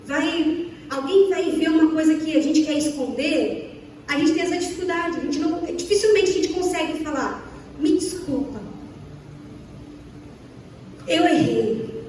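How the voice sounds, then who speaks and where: A woman's voice: high voice, normal speed, darkish tone, slight background noise. A young Brazilian woman preaching a sermon to a church, asking the listeners repeated questions and acting out little dialogues. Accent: Brazilian Portuguese. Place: church hall. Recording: echoey church hall, from far off.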